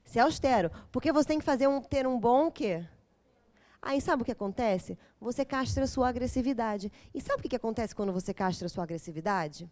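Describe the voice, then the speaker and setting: Intense woman teaching a parents' class, kinda high-pitched, keeps asking the audience to answer. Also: expressive, a little fast, darkish tone. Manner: intense, dramatic, quizzes the audience. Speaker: speaker at a parents' course. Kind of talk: lecture to a live group.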